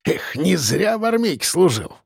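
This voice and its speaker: A man voicing a gruff old village grandfather, a former hunter, with a wheezy, gravelly voice and folksy speech, in an audiobook. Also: high voice, very animated, moderate pace, no room sound, studio quality, voice pushed up, exaggerated voice. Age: older. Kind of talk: audiobook character voice.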